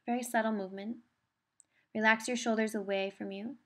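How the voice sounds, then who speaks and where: A woman's voice: fairly high pitch, steady tone, a little fast. A woman teaching a yoga class, giving guided instructions in a soothing, encouraging manner.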